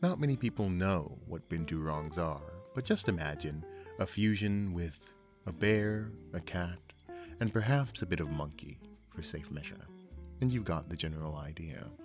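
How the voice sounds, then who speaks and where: A man's voice: deep voice, lively intonation, moderate pace, music in the background. A man voicing a massive, friendly binturong in an ASMR storybook, genial and explaining. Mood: genial, amused. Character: massive friendly male binturong candle-oil maker.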